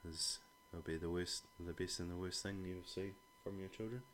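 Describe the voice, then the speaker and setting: A man's voice: sits low, fairly even intonation, normal speed, fairly bright tone, slight background noise. A man with an Australian accent chatting casually as a podcast guest, in a laid-back, blokey way that includes some swearing. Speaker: podcast guest, a father talking about his children. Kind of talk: casual conversation.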